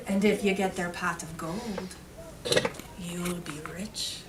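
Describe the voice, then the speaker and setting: A woman reads stories aloud to young children at an elementary school, using simple, repeated phrases and dramatic emphasis. Her voice is fairly low, steady and slow, picked up by a distant mic in a noisy room.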